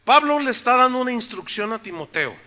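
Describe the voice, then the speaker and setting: A man's voice: very high voice, sing-song, fairly quick, bright, forceful tone. A man, preaching a sermon as pastor, folksy and joking, asking the congregation questions.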